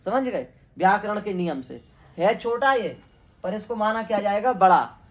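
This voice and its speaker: A man's voice: sits high, animated, moderate pace, a bit bright. Guy teaching sanskrit grammar, keeps asking the class questions then answering himself, repeats terms a lot.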